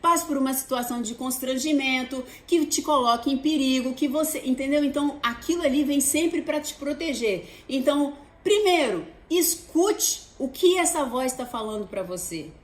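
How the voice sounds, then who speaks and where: A Brazilian woman hosting a casual advice talk, chatty and animated, talking straight to her viewers. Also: sits high, moderate pace, few pauses. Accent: Brazilian Portuguese. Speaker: host. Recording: echoey room.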